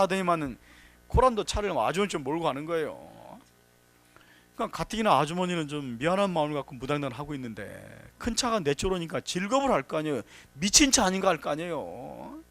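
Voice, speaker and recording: A man's voice: a little high, big pitch swings, quick pace, a bit bright, no room sound, soft background music. A man giving a workshop lecture on safety, telling anecdotes, acting out quotes and giving emphatic warnings. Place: workshop hall.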